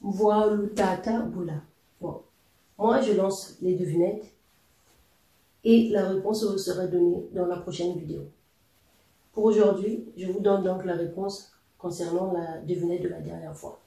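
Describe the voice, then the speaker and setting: A language teacher giving a patient, explanatory lesson, often pausing on fillers while spelling out words and examples. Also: mid-range voice, fairly even intonation, vocal fry, warm tone, far from the mic. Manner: patient, hesitant with frequent fillers. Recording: echoey room, voice a little off-mic.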